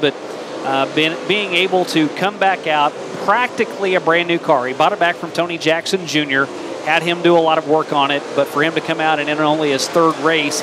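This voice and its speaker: An American man working as a motorsport commentator, calling dirt track racing in fluent announcer patter full of racing slang. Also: on the high side. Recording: noisy outdoor racetrack, engine roar behind.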